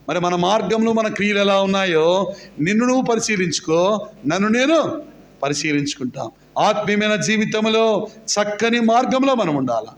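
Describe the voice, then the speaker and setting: A man preaching a sermon, questioning the congregation and urging them to answer loudly. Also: high voice. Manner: questions the congregation and urges loud replies. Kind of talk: call-and-response sermon. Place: church meeting hall. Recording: echoey hall.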